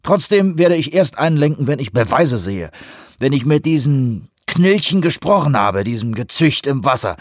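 Man voicing gruff male spymaster, brusque, forceful, raised voice, dry close sound, audiobook. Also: mid-range voice, sing-song, normal speed, no echo, pitched above the performer's own voice. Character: blunt, combative male CIA director.

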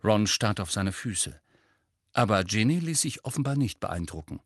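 A man's voice: fairly low pitch, big pitch swings, moderate pace, no room sound. Man reading an audiobook, dry sound. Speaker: audiobook reader. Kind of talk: scripted narration.

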